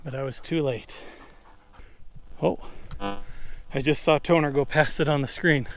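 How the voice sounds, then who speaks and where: A man's voice: fairly high pitch, a little slow, slight background noise. A man narrating his hike in a casual vlog, musing aloud with easy fillers, recorded outdoors on a camera mic. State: out of breath at times. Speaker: outdoor adventure vlogger. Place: outdoors in a desert canyon.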